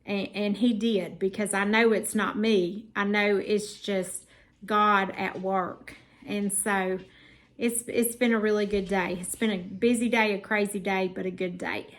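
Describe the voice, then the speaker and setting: A woman's voice: medium pitch, fairly even intonation, measured pace. A woman in her forties chatting casually from her home in a rambling faith vlog full of fillers. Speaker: faith vlogger. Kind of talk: casual devotional vlog talk.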